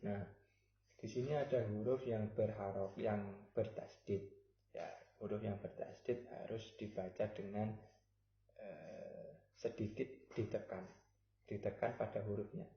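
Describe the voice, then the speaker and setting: A man teaching Quran recitation, explaining patiently and chanting example verses slowly. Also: on the low side, steady tone, a little hiss or hum. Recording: roomy, slightly dull recording.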